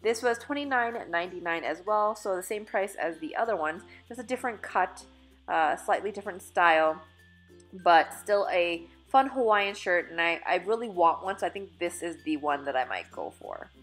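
Soft music plays while a thirtysomething fashion vlogger records a try-on haul in a store changing room with her phone held up to the mirror. Fairly low-pitched and expressive, her voice moves at a moderate pace with a fairly bright tone, and she chats casually and cheerfully with fillers and self-corrections.

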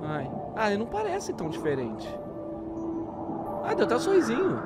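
A man's voice: extremely high pitch, wildly swooping pitch, brisk. A man doing theatrical reaction commentary, swinging from cooing to screaming. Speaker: reaction video host. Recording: loud background music.

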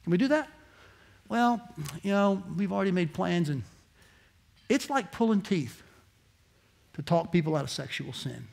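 A male pastor preaching a direct sermon in a church, moving between quiet asides and shouted emphasis. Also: high-pitched, expressive, moderate pace, gravelly, pauses often. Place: church sanctuary.

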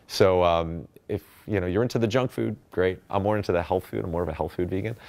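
A man's voice: low voice, quick pace, vocal fry, darkish tone. A man giving a casual, enthusiastic talk with slides at a festival, chatty and full of fillers and restarts. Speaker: conference speaker. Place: festival stage or hall.

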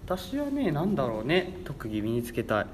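Young guy hosting a casual chat show, lively up and down voice, kinda rambly, bit of background noise. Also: on the high side, normal speed. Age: young adult, about 18. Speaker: radio show host.

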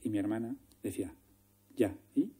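A Spanish man who directs films, giving a public talk and telling lively anecdotes, acting out the dialogue in quick put-on voices. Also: lowish voice, husky. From Galicia, Spain. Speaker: film director.

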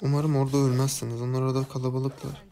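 A man's voice: medium pitch, little pitch movement, racing, mellow, faint music behind. A man giving casual commentary over his own gameplay, muttering to himself and his team and venting his frustration with the game. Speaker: gaming YouTuber.

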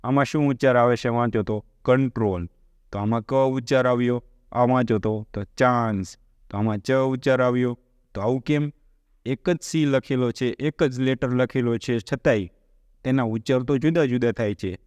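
A man with a Gujarati accent giving a spoken English lesson. His voice is smooth and resonant at a middle pitch, and the recording is close and dry. He explains patiently, one step at a time, and keeps asking his listeners questions. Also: steady tone, moderate pace, darkish tone, dry recording. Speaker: English teacher.

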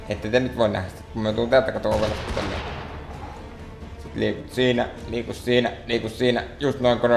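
A man with a lowish, creaky voice provides gameplay commentary as a let's play host. Recorded in an echoey room, he grumbles and mutters at the game in frustration.

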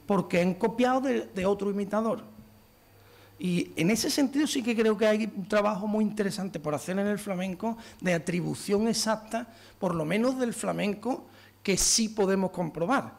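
A man giving a lively lecture to an audience, counting out rhythms and beating time aloud as he explains. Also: high-pitched, creaky. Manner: animated, counts out rhythms and taps beats aloud.

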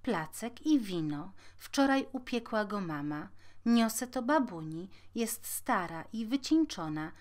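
Female reader as little girl, innocent, trusting, courteous, measured pace, fairy-tale storybook. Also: mid-range voice, very animated. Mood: cheerful, trusting. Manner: polite, naive.

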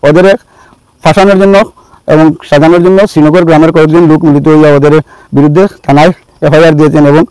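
A man's voice: on the high side, level tone, fast, darkish tone, smooth, no echo, low-quality recording. A man, a local resident, reading out a formal statement to camera in careful, bookish wording.

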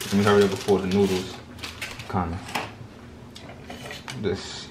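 His voice is low and level, his pace measured: a young adult home cook co-hosting a vlog, chatting casually in slangy speech. The echoey home kitchen carries loud frying sizzle and the sound of stirring.

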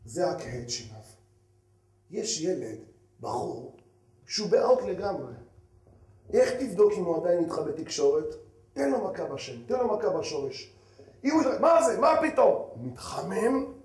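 A man, a rabbi giving a lively lecture who keeps asking his audience questions and swings between loud and hushed. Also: fairly high pitch. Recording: echoey hall.

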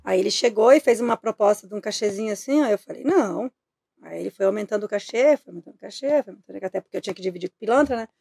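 A Brazilian woman guesting on a podcast, telling stories in an animated, blunt way and swearing freely. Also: medium pitch, rapid-fire, gravelly, few pauses, slightly rough, no echo, studio quality. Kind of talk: casual storytelling chat.

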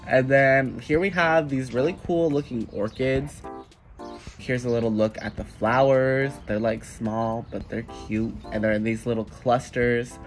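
Recording in an indoor room with plants, a man in his twenties with a cold-induced nasal, congested voice gives a chatty, upbeat voice-over tour of garden plants for his plant vlog. His medium pitch stays steady and unhurried over soft background music.

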